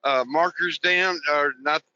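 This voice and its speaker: A man's voice: fairly high pitch, fairly even intonation, a little slow, sharp tone, clean tone, dry recording. Male co-host, rambling remote call, dull lo-fi sound. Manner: rambling, restarts phrases often. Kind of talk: casual live talk show chat. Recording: muffled remote call audio.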